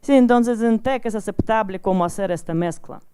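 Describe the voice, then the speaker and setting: A woman's voice: mid-range voice, moderate pace, warm tone, clean tone. A woman giving a live talk to an audience on English for job interviews, often checking in with "¿sí?".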